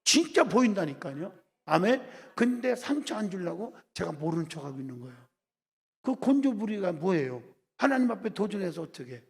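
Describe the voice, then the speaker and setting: A man's voice: high-pitched, sing-song, moderate pace, creaky, husky. A man preaching a revival sermon as pastor, constantly asking the congregation to answer back. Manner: preaching with constant call-and-response questions to the congregation. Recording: echoey church hall.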